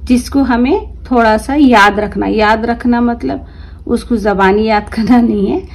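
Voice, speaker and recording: A woman's voice: a little high, a little slow. A woman teacher giving an online language lesson, patiently reading word lists aloud and stretching and repeating each word. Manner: patient, instructive, checks in with "ठीक है". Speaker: Urdu teacher.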